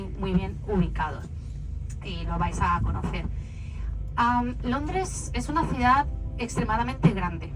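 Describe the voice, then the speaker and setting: A woman's voice: mid-range voice, rough recording. A woman acting as tour guide, explaining things in an informative way with frequent "eh" and "pues" fillers.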